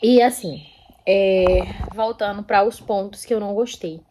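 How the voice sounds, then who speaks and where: A young woman chatting casually about a book she read, animated and acting out characters' lines with scoffing asides. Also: mid-range voice, measured pace, slight background noise. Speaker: book vlogger. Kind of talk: casual book review chat.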